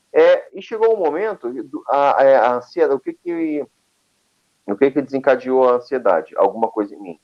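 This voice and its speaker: A man from Brazil, a guest telling a personal story in casual talk, animated and acting out quoted dialogue with many restarts. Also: mid-range voice, dull audio.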